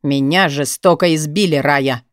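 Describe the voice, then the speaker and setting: A woman's voice: deep voice, moderate pace, no room sound, studio quality, voice pushed down, lightly acted. A woman reading an audiobook, voicing a smug young male student who blackmails with a cold, lazy drawl. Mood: sneering. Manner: cold, sneering, lazily drawling.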